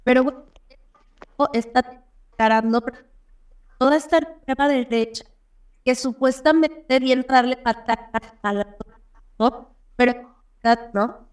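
A woman's voice: high voice, smooth. Mexican woman breaking up on a dropping call. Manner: halting, full of restarts and fillers. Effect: voice cutting out on a dropping call connection. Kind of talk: remote panel discussion.

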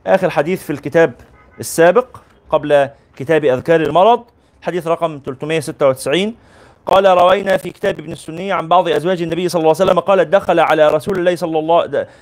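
A man teaching as a sheikh reads a classical hadith book aloud, breaking off for colloquial explanatory asides. His voice is fairly high, steady in tone, and quick.

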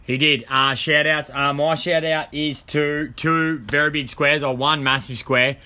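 Male Australian podcast co-host, bright and forward tone, casual slangy banter. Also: a little high, steady tone, a little slow. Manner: joking, slangy. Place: outdoors.

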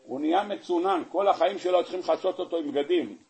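A rabbi with a husky, slightly breathy voice delivers a sermon, retelling the scripture story with lively, animated flair. He keeps turning to his listeners with rhetorical questions. His voice sits high for a man. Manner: animated storyteller, acting out the scenes; asks the audience rhetorical questions. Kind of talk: weekly Torah portion sermon.

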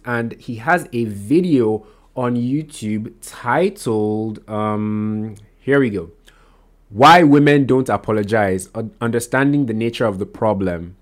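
A man hosting a solo podcast, talking casually and rambling, often restarting and correcting himself with lots of fillers. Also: mid-range voice. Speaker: podcast host.

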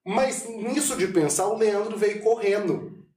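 A man's voice: sits high, a little slow, echoey room, distant mic. A man, a radio announcer, telling stories in casual chat and acting out the dialogue he quotes. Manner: animated storyteller acting out quoted dialogue, shouting at punchlines. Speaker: radio announcer, podcast guest.

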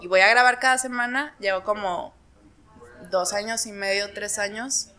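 A young woman with a northern Mexican accent from Monterrey, chatting casually as a YouTuber guest and telling things in animated, acted-out quotes. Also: medium pitch, moderate pace. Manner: animated storytelling, quotes herself and others in acted asides. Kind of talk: casual chat.

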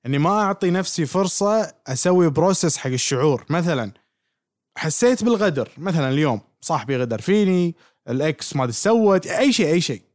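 A man's voice: a little high, no echo, clean studio sound. A young man with a Kuwaiti Arabic accent, co-hosting a casual podcast chat and mixing English phrases into his talk. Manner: animated, quick, mixes English into Gulf Arabic. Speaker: podcast co-host.

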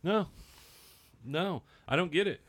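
A man's voice: high voice, expressive, takes it slowly, fairly bright tone. A middle-aged man hosting a podcast in casual chat, rambling through stories and acting out dialogue as he goes. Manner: rambling storyteller who acts out quoted dialogue. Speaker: podcast host.

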